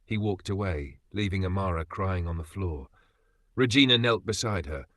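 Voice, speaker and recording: Male storyteller, lowish voice, dry sound, dramatic reading. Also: moderate pace, a bit bright, no echo. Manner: emotive storytelling.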